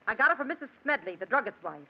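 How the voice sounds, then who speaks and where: Nagging bitter wife, very high voice, querulous, old radio drama, dull lo-fi sound. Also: female voice, very animated, very fast. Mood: peevish, cold. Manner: querulous, complaining.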